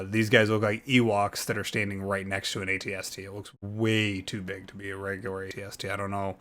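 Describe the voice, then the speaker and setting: Young male YouTuber, slightly low voice, casual rambling reaction, lots of fillers. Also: a bit bright. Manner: rambling, hesitant, many fillers.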